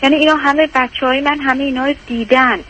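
A woman's voice: high voice, fairly even intonation, sharp tone, slight background noise, low-quality recording. A woman calling in to an advice show by phone, telling her story in a distressed, rambling way. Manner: distressed, fast rambling, tearful at times. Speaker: caller.

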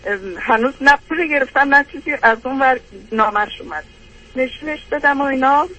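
A woman's voice: high voice, bright, forceful tone, a little hiss or hum, poor audio. An older woman calling in, rambling through an aggrieved personal complaint with many hesitations.

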